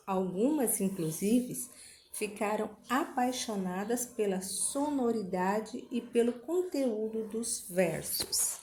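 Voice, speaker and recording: A woman's voice: medium pitch, a little hiss or hum. A woman teacher reading a school lesson aloud, patient, going through the exercises word by word.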